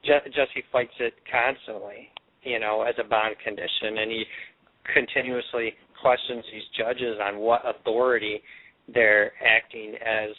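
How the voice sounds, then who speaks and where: Male radio guest calling in by phone; earnest, rambling, restarts often; mid-pitched; tinny phone-line sound. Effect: voice heard over the phone. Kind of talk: casual radio talk.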